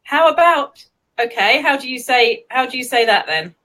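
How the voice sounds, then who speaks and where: A woman's voice: high voice, animated, normal speed, pushed and bright. A woman with an English accent hosting a casual live-stream chat, giggly and chatty, laughing often. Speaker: host.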